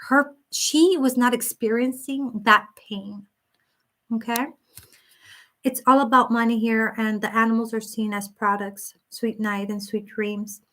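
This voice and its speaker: A woman hosting a psychic live stream, reading viewer comments aloud and answering them gently and sympathetically in loose, casual talk. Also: fairly high pitch, fairly even intonation, measured pace. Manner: talks in loose, restarting sentences with many fillers.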